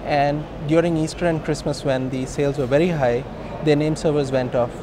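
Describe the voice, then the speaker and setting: Amid loud, traffic-like noise at a busy hosting industry event, an Indian-accented co-founder answers interview questions conversationally. His voice is higher-pitched, with a steady tone and normal speed.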